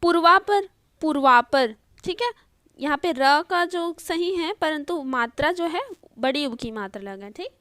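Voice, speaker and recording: A woman's voice: sits high, moderate pace, no echo, studio quality. A woman teaching an online spelling lesson, explaining step by step and repeating each word with frequent checks like "okay?". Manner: explains step by step, often repeating words and asking "ठीक है".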